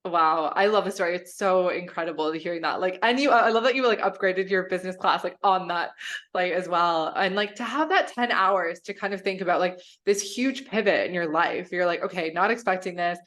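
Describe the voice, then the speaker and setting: A woman's voice: fairly low pitch, brisk, fairly bright tone. A woman hosting a podcast, asking questions in a casual, enthusiastic, gushing way. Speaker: podcast host. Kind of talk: casual interview.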